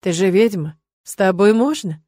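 A stern, commanding male dragon rector, read by a woman audiobook narrator. He drags his words out slowly with quiet menace, in a dry, close studio sound with no room at all. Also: medium pitch, no echo, natural voice. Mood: low, intimate. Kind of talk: audiobook character reading.

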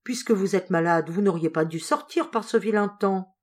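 A woman's voice: mid-range voice, animated, normal speed, a little mellow, lightly acted. A woman reading as a kindly lady employer. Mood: softly reassuring.

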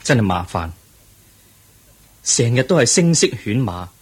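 A male actor with a Hong Kong Cantonese accent plays a pensive, earnest young crown prince in a radio drama, speaking formally and reflectively in a brooding mood. His medium-pitched voice swings widely in pitch, runs a little slow, and is slightly rough.

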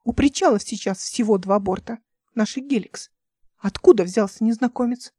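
A woman reading an audiobook voices a sharp young woman who speaks in a brisk, scolding way. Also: a little high, slightly rough, no echo, studio quality.

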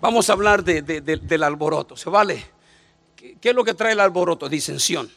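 A man's voice: a little high, brisk, gravelly, fairly bright tone, soft background music. A man, preaching a joking sermon to a church congregation and often calling out to them for agreement. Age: 50s. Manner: joking, calls out to the audience with repeated "right?".

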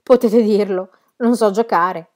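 A woman voicing a shy, lonely shopkeeper who grows lively in conversation, read from a novel. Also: mid-range voice, unhurried, voice pushed up, close to an everyday voice.

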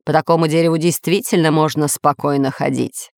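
A woman voicing a brooding, weary villain lord in a storybook reading, low and snappish. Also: steady tone, a little fast, gravelly, a little mellow, no room sound, clean studio sound. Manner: gloomy, snapping.

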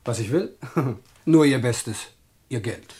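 An actor playing a cocky, menacing young burglar who talks in a smug, mocking way in a radio play. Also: male voice, mid-range voice, lively intonation, slow pace, darkish tone, slightly rough, full character voice.

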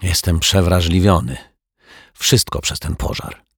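A man voicing a flustered, indignant elderly caretaker in an audiobook, louder and higher than his narration. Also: measured pace, slightly rough, no room sound, clean studio sound, exaggerated voice. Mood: resigned. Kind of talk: audiobook character voice.

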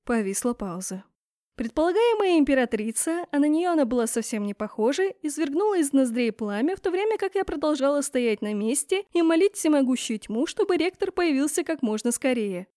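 A woman reads a first-person fantasy story aloud with lively expression and a fairly high voice. The recording is close and dry, with no room around her. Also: a little fast, dry recording. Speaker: audiobook reader.

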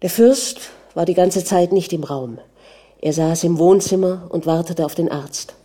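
A woman reads a novel aloud in a measured, calm manner. Her voice sits low with a mellow, warm timbre. The delivery stays even and composed. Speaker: audiobook narrator. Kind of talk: scripted narration of a novel.

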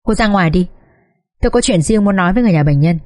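A gentle, composed male doctor who speaks with quiet care, read by a woman narrator. The voice stays warm and mellow and does not rise into sharpness. It is an audiobook reading. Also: medium pitch, animated, very fast, no room sound, studio quality, close to an everyday voice. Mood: reassuring. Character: calm young male doctor.

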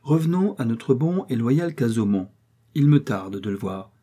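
A man reading as a loyal army captain in a storybook, blunt and forthright, speaking his mind briskly. His tone stays mellow and a little husky. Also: mid-range voice, expressive.

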